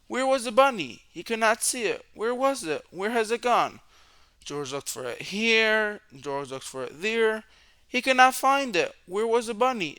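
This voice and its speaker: Reading a picture book to young children, this man has a fairly high, very bright voice that sounds clear and smooth. He tells the story expressively, stretching words and posing questions dramatically. There's no echo.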